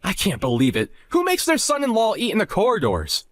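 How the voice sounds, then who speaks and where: A man's voice: medium pitch, very animated, moderate pace, no echo, lightly acted. A man voicing Justin, a young husband who argues defensively and indignantly in a dramatized chat story.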